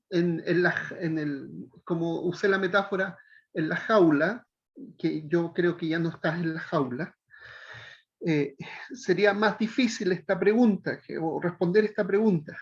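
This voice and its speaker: A middle-aged man teaching a pastoral counseling class, gently coaxing a student and checking in often. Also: sits high, a little slow, dull audio.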